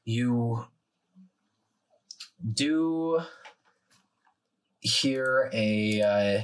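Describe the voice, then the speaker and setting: A man's voice: mid-range voice, extremely slow, rough recording. A man narrating casually as game master, improvising with some hesitation as he goes.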